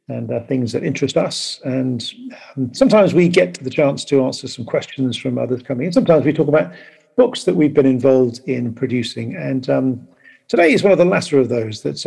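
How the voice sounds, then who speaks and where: A man hosting a podcast over a video call, talking casually and haltingly with many pauses. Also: mid-range voice, creaky, dark tone, slightly rough, low-quality recording. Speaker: podcast host.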